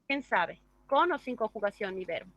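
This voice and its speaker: A woman's voice: medium pitch, lively intonation, moderate pace, a bit bright, no echo. A woman teaching an English grammar class, explaining step by step and checking in with the class through tag questions. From Bolivia.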